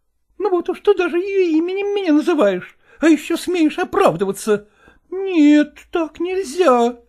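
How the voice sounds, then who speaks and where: A man reading a story aloud, voicing a jealous, demanding actress wife who scolds and shouts at her husband. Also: very high voice, lively intonation, unhurried, voice pushed up. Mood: reproachful. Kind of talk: audiobook character voice.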